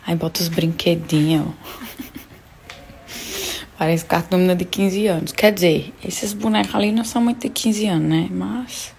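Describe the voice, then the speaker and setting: A woman's voice: fairly low pitch, moderate pace, creaky, pauses often, slight background noise. A woman, chatting casually to camera at home as she shows things off. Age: 30s. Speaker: digital influencer. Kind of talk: casual vlog chat. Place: bedroom at home. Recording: echoey room.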